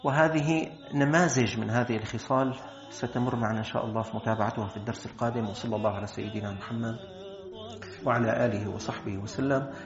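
Brief: Syrian man teaching a religious lesson, quick-paced and lively, dull lo-fi sound. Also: mid-range voice, over music. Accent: Syrian Arabic. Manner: lively, acts out everyday dialogues.

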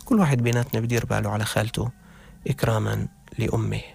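A man's voice: on the low side, steady tone, very fast, creaky, darkish tone, breathy edge. A man giving an earnest religious talk, speaking directly to young people as a preacher. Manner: earnest, addresses youth directly.

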